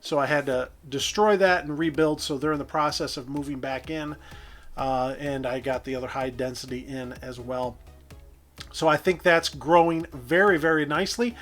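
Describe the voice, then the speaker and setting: Man, slightly higher voice, casual let's-play commentary, thinks out loud, light music under it. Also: normal speed. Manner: chatty, thinking aloud with self-corrections. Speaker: gameplay commentator.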